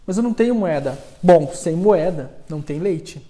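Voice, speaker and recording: A man with a mellow, darker voice tells a story to a live class, speaking as a lecturing psychologist. He lifts his voice into a livelier, higher tone whenever he speaks the characters' lines. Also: lively intonation, normal speed. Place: cold room in a lecture setting.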